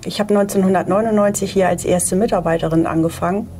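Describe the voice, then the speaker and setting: A woman, a social worker, telling her story calmly in a promo video testimonial. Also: medium pitch, fast talker. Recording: music bed under voice.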